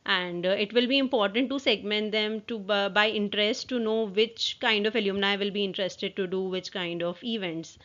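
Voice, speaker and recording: Woman presenter, mid-pitched, informal slide walkthrough, halting with restarts, muffled low-fidelity sound. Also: steady tone, a bit bright. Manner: halting, with repeated false starts. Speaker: presenter walking through own work assignment. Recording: dull, lo-fi audio.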